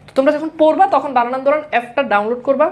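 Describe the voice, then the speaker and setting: Fast-talking woman drilling grammar rules. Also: sits high, lo-fi sound. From Bangladesh. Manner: brisk and repetitive, drilling wrong and right forms; mixes English words into speech. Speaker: Bengali grammar teacher. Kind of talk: classroom-style lecture to exam students.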